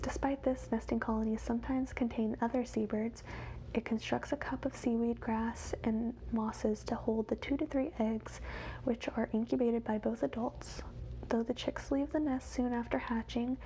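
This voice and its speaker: A woman whispers wildlife facts in a soft, measured ASMR reading, as quietly as someone watching animals. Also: on the high side, fairly even intonation, slight background noise. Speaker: ASMR host.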